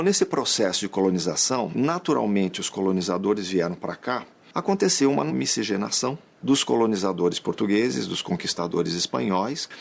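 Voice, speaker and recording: Husky, gravelly man in an interview, explaining history like a teacher. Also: on the low side. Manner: explanatory, conversational.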